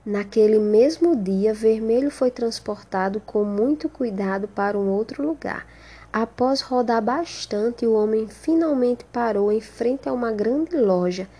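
A woman reads a children's story aloud at a gentle, measured pace, pausing between phrases. Her voice sits fairly high. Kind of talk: scripted children's story narration.

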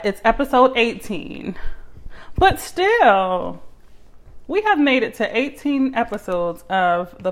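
Young woman, chatty solo podcast host, medium pitch, talking casually from her kitchen. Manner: chatty, addresses listeners as y'all. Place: home kitchen while cooking.

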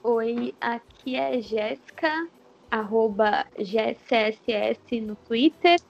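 Woman, 30s, deadpan guest, gravelly and drawn-out, on a dull lo-fi mic. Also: on the high side, faint music behind. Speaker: podcast guest. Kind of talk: casual podcast chat. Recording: dull lo-fi microphone.

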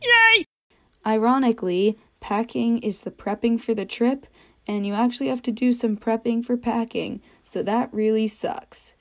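A woman's voice: a little high, steady tone, moderate pace, dark tone. Young woman, from New England, chatty podcast host, joking asides. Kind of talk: casual solo podcast.

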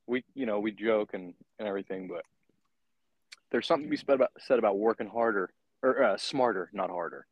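A man's voice: fairly low pitch, fairly quick, slightly rough, highs cut off. A man hosting a casual interview, talking in long, rambling turns and checking in with the guest as he goes. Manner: rambling, keeps checking in with "right?". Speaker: podcast host.

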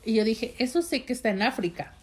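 A young vlogger with a Mexican accent tells a personal story in a fairly high, expressive, darkish voice, speaking a little fast. She rambles casually, fills the gaps with plenty of fillers, and talks straight to her viewers.

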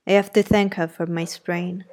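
A woman reading a curt, commanding gentleman. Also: lowish voice, level tone, moderate pace, lightly acted. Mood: brusque, commanding. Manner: curt, imperious, sardonic questioning. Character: brusque commanding gentleman, middle-aged master of the house. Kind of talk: audiobook character reading.

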